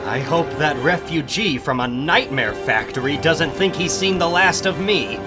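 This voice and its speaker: A man voices a cocky, hard-luck teenage superhero from a comic book. His theatrical quips are animated and fairly high, with clear music behind. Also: moderate pace, close to an everyday voice. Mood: determined. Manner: quippy, self-narrating, theatrical. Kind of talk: dramatic comic book reading.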